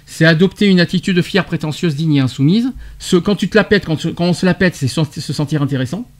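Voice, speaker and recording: Un animateur de radio qui interroge son invité en expliquant de l'argot, avec entrain et des rires. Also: male voice, a little high, fairly quick. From France. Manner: quizzing, explaining slang terms with laughs. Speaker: radio show host. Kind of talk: radio debate segment.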